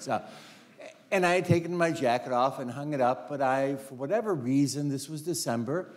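With a medium-pitched, darkish voice, an older man, a priest, gives a story-rich, conversational homily, frequently saying "you know" and laughing easily. He walks in front of the altar in a large carpeted sanctuary, captured on a lapel mic.

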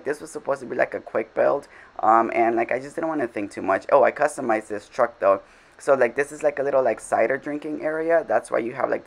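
A man's voice: medium pitch, gravelly, rough recording. A man giving casual, rambling commentary over his game, full of fillers and self-deprecating asides. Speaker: game vlogger.

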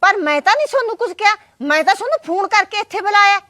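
An actress playing a middle-aged mother of the household in a Punjabi short drama, pleading and placating in a gentle way. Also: extremely high pitch, lively intonation, racing, dry recording, studio quality, full character voice.

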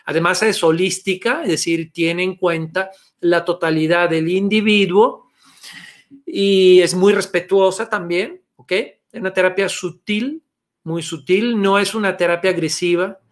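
A man's voice: high voice, fairly even intonation, unhurried. A middle-aged man from Italy, teaching a webinar on manual therapy through a webcam in a small room, explaining patiently with frequent "eh" and "okay" tags. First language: Italian. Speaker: therapy instructor. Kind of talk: webinar lecture. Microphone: webcam video call.

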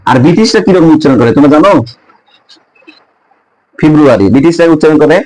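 A man's voice: on the high side, darkish tone, low-quality recording. Man teaching English month names to students. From Bangladesh. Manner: asks students questions and repeats each word slowly. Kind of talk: spoken English pronunciation lesson to students.

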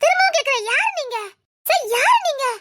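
Woman voicing a young college girl, shrill and bright, frightened but insistent; audio drama. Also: lively intonation, a little fast, exaggerated voice. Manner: protesting, repeating her demands.

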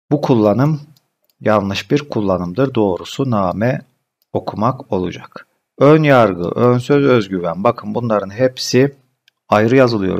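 A man teaching a spelling lesson, briskly correcting common misspellings word by word. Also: mid-range voice. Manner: addresses students as friends, brisk corrective explanations.

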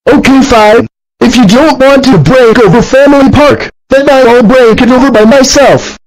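A computer voice playing a bratty, defiant young boy in an animated comedy, talking in a demanding, whiny way. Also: extremely high pitch, normal speed, poor audio.

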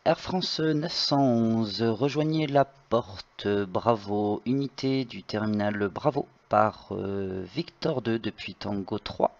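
Low, gravelly male tower controller, muffled mic. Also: slow pace, hardly any pauses. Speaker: tower air traffic controller in online flight simulation. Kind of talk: radio phraseology, giving clearances. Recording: dull, muffled low-fidelity microphone.

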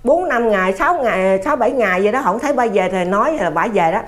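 A woman's voice: medium pitch, animated, fast. An older woman with a Southern Vietnamese accent, telling a story in a plain-spoken, earnest, repetitive way as an interviewee. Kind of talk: casual conversational storytelling.

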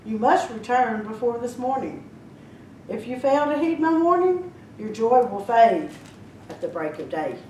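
A woman's voice: expressive, measured pace, a little mellow. A woman voicing a kind good witch from a storybook, speaking with emphatic warning. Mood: urgent. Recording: roomy echo, mic at a distance, faint rumble.

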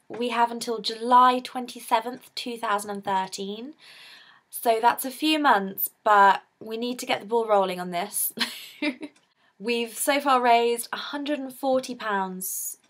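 A bubbly young British woman sits in her bedroom chatting straight into the webcam in front of her, making a casual appeal as a vlogger raising money for charity. Her voice is a little high, slightly slow and a bit bright, with a British English accent. She's chatty, laughs often and gestures with her hands.

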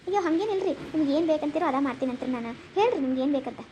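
A woman's voice: high voice, expressive, rapid-fire, heavy background noise. A woman voicing a chatty village aunty with a North Karnataka accent, fussing and reassuring as an eager hostess in a cartoon. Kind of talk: cartoon comedy voice acting.

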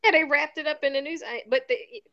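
A woman with a Baltimore accent, co-hosting a podcast in casual, animated chat. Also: sits high, fast, highs cut off. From Baltimore, USA. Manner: animated, exclaims and voices her own reactions. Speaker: podcast co-host.

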